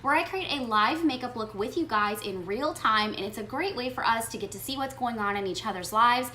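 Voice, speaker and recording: A woman's voice: on the high side, fairly quick, bright, forceful tone, a little hiss or hum. A chatty woman with a lilt walks viewers through a makeup look step by step. She sounds upbeat and friendly, speaking straight to her audience as if they were her girlfriends. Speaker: beauty channel host. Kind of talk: makeup tutorial.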